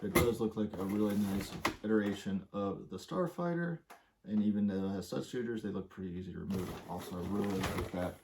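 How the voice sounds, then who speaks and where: A man with a lowish voice chats eagerly through an unboxing, rambling with fillers and a little short of breath. Clicks, drawer sounds and steady background noise run under the recording. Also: brisk, gravelly. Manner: enthusiastic, rambling, many fillers. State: slightly out of breath. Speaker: toy collector vlogger. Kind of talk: casual unboxing commentary.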